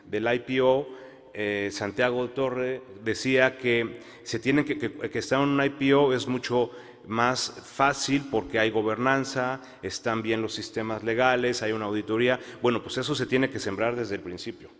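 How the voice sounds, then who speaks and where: A man speaking on a conference panel, measured, with fillers and restarts. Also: medium pitch, fairly even intonation, fairly bright tone. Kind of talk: panel discussion. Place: conference hall. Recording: long hall reverb.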